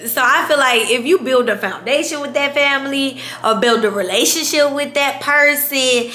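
A young adult woman chatting casually in an animated, slangy way. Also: sits high, moderate pace. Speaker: vlogger. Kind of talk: casual chat. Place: indoors at a home dining table. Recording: echoey room.

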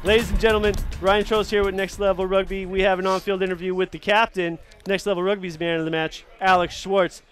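A man's voice: high-pitched, flat delivery, fairly quick, few pauses, fairly bright tone, faint music behind. A middle-aged man interviewing on a sports field through a headset mic after a match. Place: outdoor stadium field.

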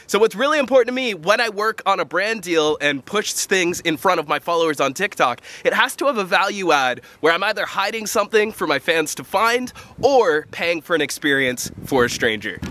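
A man's voice: high-pitched, bright, forceful tone, slight background noise. A man in his thirties talking to a handheld camera in a park, upbeat and chatty in a casual vlog. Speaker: vlogger. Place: outdoors in a park. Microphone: camera held at arm's length. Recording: music playing behind.

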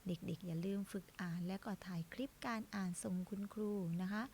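A woman teacher leading young children through a word-reading drill, reading each word and then repeating it slowly and clearly. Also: lowish voice, fairly even intonation, a little mellow, slight background noise. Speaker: primary school teacher.

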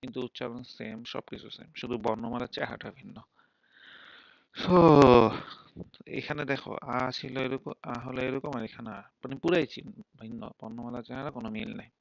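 Man, patient teacher, gravelly voice, dull dry lo-fi sound, live online class. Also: mid-range voice, steady tone, fairly quick, dry recording. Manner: patient, explains step by step, checks in often; mixes English words into speech.

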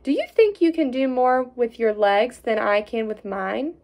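A woman's voice: expressive, measured pace, a little mellow. A woman reading a storybook aloud, voicing a crafty, cheery little male hedgehog in a raised, cocky voice. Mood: indignant. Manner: cocky and scheming, raised pitch.

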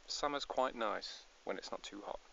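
A man's voice: medium pitch, normal speed, gravelly. A Scottish man chatting casually in a vlog while out biking on hills, rambling and self-deprecating. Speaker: vlogger. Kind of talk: casual outdoor vlog chat. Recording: slightly dull outdoor recording, faint noise.

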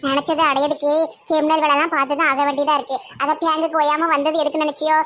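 A woman's voice: high voice, flat delivery, fast talker, a bit bright. A woman playing a brash, scheming bride-to-be in her own voice, with a Tirunelveli Tamil accent. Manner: brash, bragging.

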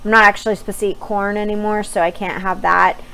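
A woman's voice: medium pitch, little pitch movement, fast, creaky, bright, forceful tone, clear, resonant tone, rough recording. A young woman chatting casually to camera while she cooks and preps meals in her home kitchen, upbeat and talkative with her hands busy. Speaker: vlogger sharing meal prep. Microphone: phone camera propped on a counter.

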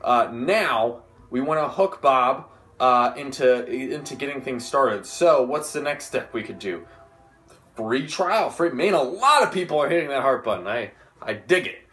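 A young man leads a casual livestream lesson from a whiteboard, his voice in a middling pitch. He talks with loose, slangy energy and slips into short acted-out exchanges. The sound comes from a phone camera set a little way off in an indoor room. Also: unhurried. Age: young adult. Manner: energetic, slangy, gesturing, acts out little dialogues. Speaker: livestream host teaching marketing. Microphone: phone camera at a distance.

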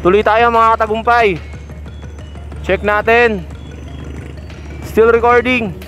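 A man's voice: very high voice, fairly even intonation, slow pace, fairly bright tone, dull audio, faint music behind. A man giving casual, instructive commentary while riding a motorcycle on open roads, recorded on a helmet-mounted action camera. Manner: chatty, instructive, points out riders. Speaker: motovlogger. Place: outdoors on a moving motorcycle on a road.

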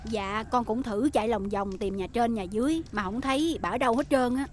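An actress plays a flustered young maid in a Southern household. Her voice sits slightly high and stays anxious and deferential, with faint farmyard sounds behind her. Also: brisk, a little hiss or hum, natural voice. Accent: Southern Vietnamese. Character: flustered young female servant. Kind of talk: TV drama acting.

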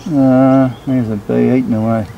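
Filming outdoors next to a beehive and a brick house, a beekeeper casually narrates a hive inspection in vlog style. His voice is medium-pitched and fairly flat, delivered at a moderate pace. The lo-fi recording carries a clear buzz of bees in the background.

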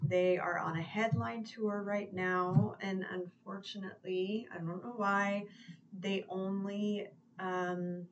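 Lower-voiced young woman, informal and enthusiastic, talks through a song review. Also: dull audio, a little hiss or hum. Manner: gushing, informal, swears casually. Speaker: music reaction reviewer. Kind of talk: casual chat.

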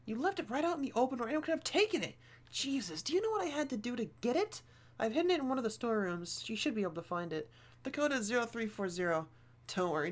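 A man reading a note aloud, voicing a young woman survivor who scolds her partner in a raised voice. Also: high-pitched.

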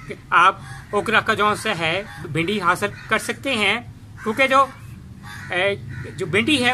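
A man hosting a casual gardening tutorial in his home garden, talking in a halting way with many fillers and restarts. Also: very high-pitched, pushed and bright, slight background noise. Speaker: gardening channel host.

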